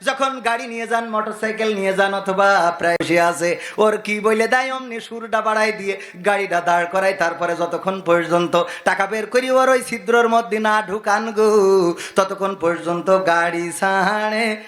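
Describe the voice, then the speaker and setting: A man preaches a waz sermon. His voice is high, bright and cutting, and he often shouts. He drives his points home with a singing lilt and repeated rhetorical questions. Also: steady tone, moderate pace, faint music behind. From Bangladesh. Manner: loud, sing-song preaching with rhetorical questions. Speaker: Islamic preacher.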